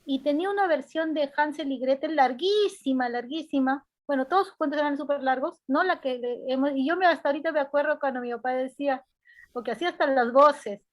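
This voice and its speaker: A woman's voice: high-pitched, a little fast. A woman student sharing a personal memory in class, chatty and reminiscing. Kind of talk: class comment, personal anecdote.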